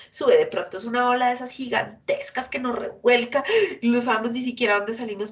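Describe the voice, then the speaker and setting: A woman giving a workshop talk to parents, explaining things warmly and directly and acting out children's outbursts with animated emphasis. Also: on the high side, gravelly. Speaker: school family workshop speaker.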